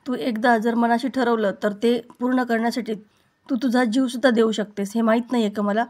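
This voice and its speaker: A woman's voice: fairly high pitch, fairly even intonation, brisk, a little mellow, natural voice. A woman reading the lines of a stern, protective middle-aged father, lecturing and pained. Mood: angry, pained.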